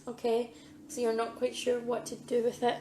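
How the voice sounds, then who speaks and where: A woman who is a psychic medium giving a pick-a-card tarot reading, hesitant with many ums, losing her voice and clearing her throat. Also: a little high, completely flat delivery, normal speed, darkish tone, reverberant, a little hiss or hum.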